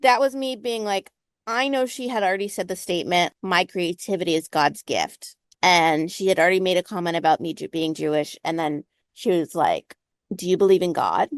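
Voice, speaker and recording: A woman's voice: fairly low pitch, steady tone, moderate pace, no echo, clean studio sound. A young woman in her early twenties, a podcast guest, casually telling a story with amusement and mimicking others. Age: young adult. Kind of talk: casual chat.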